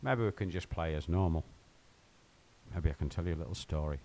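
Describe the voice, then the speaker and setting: A man with a fairly low voice hosts a casual live game stream from home. He rambles and jokes with his viewers as he plays, drifting between chat and the game. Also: fairly quick, mellow. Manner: rambling, joking, talks to viewers while playing.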